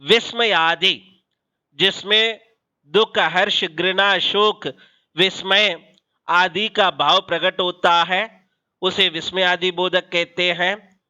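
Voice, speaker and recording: Guy teacher doing a grammar class, smooth clear voice, kinda dull lo-fi sound. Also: high-pitched, steady tone, bright, forceful tone. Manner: slow, deliberate explanation with pauses. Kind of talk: Hindi grammar lesson.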